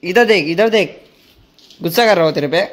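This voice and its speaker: A man's voice: sits high, moderate pace, noisy background. Chatty vlogger man. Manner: chatty and excitable, calls viewers "bhai", laughs often. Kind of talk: casual vlog narration to viewers.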